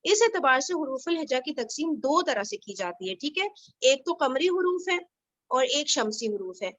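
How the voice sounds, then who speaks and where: A woman's voice: sits high, no room sound, highs cut off. A woman teaching an Arabic grammar class over a video call, explaining patiently step by step and checking that her students understand.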